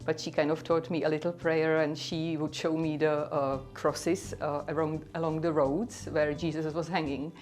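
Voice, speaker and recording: Telling her personal testimony, a woman from the Czech Republic speaks Czech-accented English in an earnest, chatty way, full of "like" and "you know." Her voice is low and a little mellow, flat in delivery, moderately paced and rarely pausing.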